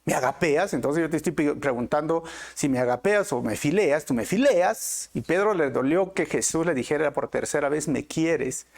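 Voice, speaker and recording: A man's voice: a little high, expressive, moderate pace, gravelly, hardly any pauses, darkish tone. A middle-aged man preaching a sermon as pastor, earnest with rising and falling emphasis.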